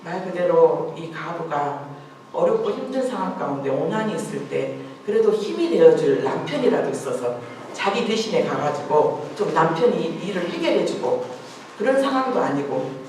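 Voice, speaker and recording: Woman pastor, sermon, earnest storytelling, rhetorical questions, booming hall echo, distant from the mic. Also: sing-song, normal speed, darkish tone. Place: church sanctuary. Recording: very echoey hall, voice from far off, faint hiss.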